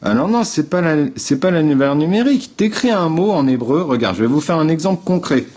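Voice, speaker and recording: A man streaming from his phone gives viewers a casual step-by-step explanation, speaking bluntly and informally, swearing and addressing them directly. His voice is on the high side, expressive and brisk, with a darkish tone.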